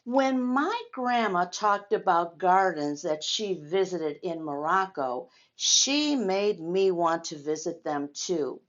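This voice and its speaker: Reading a picture book to children, this older woman speaks slowly in an expressive voice on the low side, with few pauses. She talks straight to the young audience, explaining along the way, and the audio has its high frequencies cut off.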